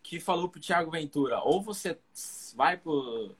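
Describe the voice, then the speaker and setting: A man's voice: a little high, animated, unhurried, a bit bright, slightly rough. A young man from Cuiabá, a guest comedian, telling a long story in casual slang and acting out the other people in it. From Cuiabá, Brazil.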